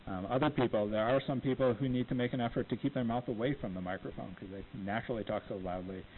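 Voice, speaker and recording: Through tinny, phone-like audio with light hiss, a plainspoken man addresses law students on appellate oral argument. He uses a podium microphone, speaks slowly with lots of ums, and describes his own low voice as not dynamic.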